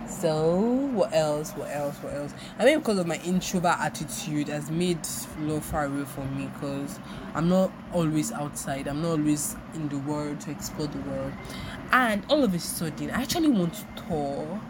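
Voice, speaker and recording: A woman's voice: low-pitched, moderate pace, noisy background. A young Nigerian woman with a Nigerian accent, rambling reflectively on her solo podcast and often repeating herself. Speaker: podcast host. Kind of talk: casual solo monologue.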